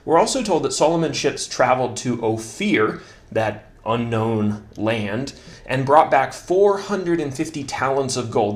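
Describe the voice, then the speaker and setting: A man walks through a Bible chapter in a relaxed, conversational teaching style. His voice sits at an ordinary middle pitch, and he keeps things light, poking fun at his own stumbles as he goes. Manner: relaxed, self-deprecating, laughs at his own slips. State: slightly out of breath. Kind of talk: casual Bible study lesson.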